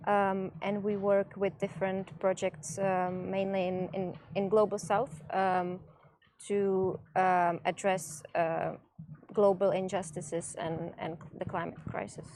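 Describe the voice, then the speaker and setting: A woman's voice: medium pitch, little pitch movement, takes it slowly, darkish tone, slight background noise. A woman from the Republic, a student guest on a panel, speaking hesitantly with many ums. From Czech Republic. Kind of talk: panel discussion.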